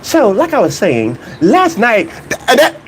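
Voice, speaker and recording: With huge pitch swings in an extremely high voice, a young man rants unhurriedly and comedically about track and field in a casual way. He laughs between points and keeps posing rhetorical questions, with slight background noise.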